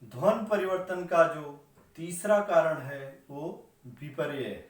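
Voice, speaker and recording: Slow teacher in a very echoey room. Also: male voice, fairly high pitch, lively intonation. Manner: slow and repetitive, spelling out sounds. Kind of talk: explanatory lecture. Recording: very echoey room, mic far off.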